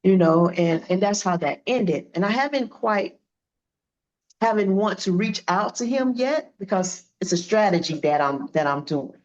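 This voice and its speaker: A woman in her fifties, a boxer being interviewed, telling stories in a lively, animated way and acting out what people said. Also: mid-range voice, measured pace, highs cut off. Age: 50s. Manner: animated, acts out quoted dialogue. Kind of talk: casual interview storytelling.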